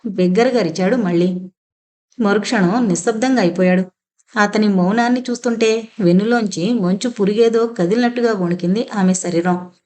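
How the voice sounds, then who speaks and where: A woman reading a suspense thriller audiobook in a dramatic, expressive way. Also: medium pitch, moderate pace. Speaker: audiobook narrator. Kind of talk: scripted suspense novel narration.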